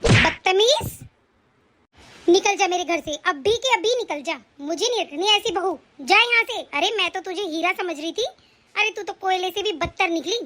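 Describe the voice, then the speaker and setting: A woman voicing a sharp-tongued older mother-in-law in an animated family story. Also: very high-pitched, normal speed. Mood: furious. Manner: sharp scolding, shouting orders. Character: scolding, greedy-then-betrayed older mother-in-law.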